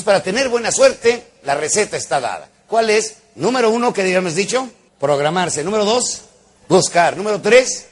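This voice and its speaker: A man gives a motivational talk to a live audience in a somewhat high, husky voice. He tells stories theatrically and with humor, acting out voices and sounds. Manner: theatrical, joking storyteller who acts out voices and sounds. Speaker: motivational speaker.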